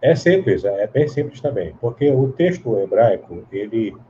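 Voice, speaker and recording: A man's voice: medium pitch, sing-song, normal speed, warm tone. A man, explaining at length as an interview guest, in a teacherly way with many tag questions and restarts. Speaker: guest Bible scholar. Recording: dull lo-fi sound with faint hiss.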